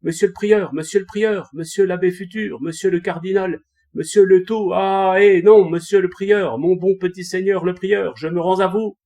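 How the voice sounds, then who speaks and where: A man's voice: sits high, steady tone, moderate pace, dark tone, pitched above the performer's own voice. A man reading a storybook voices a panicked male soldier who cries out and begs for mercy. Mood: desperate pleading. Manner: pleading, cries out repeatedly. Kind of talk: audiobook reading of a classic tale.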